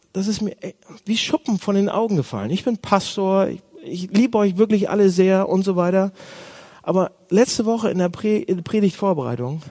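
A man preaching a sermon as a pastor, animated, swinging between loud outbursts and hushed asides. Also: high voice, slightly rough.

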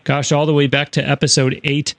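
A man hosts a radio interview show and closes the episode in a chatty way, with frequent fillers and restarts. His voice sits a little high for a man. It was recorded dry and close in a studio. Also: flat delivery, a little fast, dry recording.

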